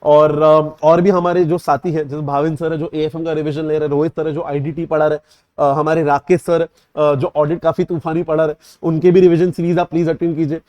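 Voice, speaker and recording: Young man, rapid delivery, slightly high voice, dry close sound, revision lecture. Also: flat delivery, darkish tone, no room sound. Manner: repeatedly checks understanding, mixes English terms into Hindi. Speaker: CA exam tutor.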